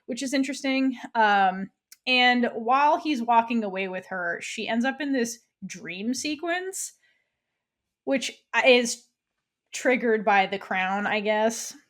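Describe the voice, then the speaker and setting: A woman's voice: a little high, expressive, slow pace. A woman co-hosting a podcast, chatting casually as she retells an episode and acts out the characters' lines. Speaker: podcast co-host. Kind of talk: casual chat recapping a TV episode.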